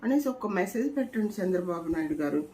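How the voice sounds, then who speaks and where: A woman's voice: lowish voice, expressive, quick pace, mellow, slight background noise, poor audio. A woman, pleading directly to camera in a repetitive, imploring vlog appeal. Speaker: vlogger making a political appeal.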